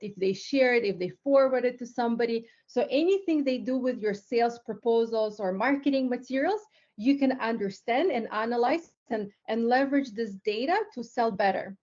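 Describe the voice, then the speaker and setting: A woman's voice: on the high side, normal speed, darkish tone. A woman from Lithuania, a tech company co-founder, giving a casual webinar presentation with many fillers and restarts over a video call. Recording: slightly dull online call audio.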